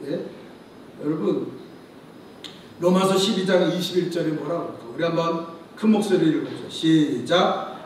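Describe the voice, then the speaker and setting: A man's voice: high-pitched, darkish tone, slight background noise. A male pastor preaching a sermon, telling stories emphatically and often prompting the congregation for a response. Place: church sanctuary. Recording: very echoey church hall, distant mic.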